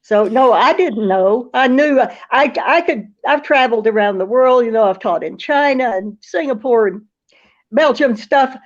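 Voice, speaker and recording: A woman's voice: on the high side, moderate pace, muffled recording. A woman with a Brooklyn accent, reminiscing casually and earnestly as an interview guest.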